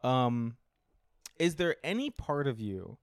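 A man's voice: medium pitch, sing-song, slow pace, clean tone, dry recording, clean studio sound. A man co-hosting a casual podcast, joking and laughing often while he watches a game. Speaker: podcast co-host.

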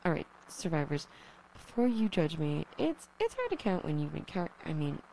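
A woman's voice: low voice, very animated, normal speed, vocal fry, warm tone, a little hiss or hum, exaggerated voice, rough recording. A woman playing a young survivor who broadcasts alone on the radio, rambling and self-deprecating, swearing when flustered, in an audio drama. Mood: wry. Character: young woman survivor, lonely, nervous, wry.

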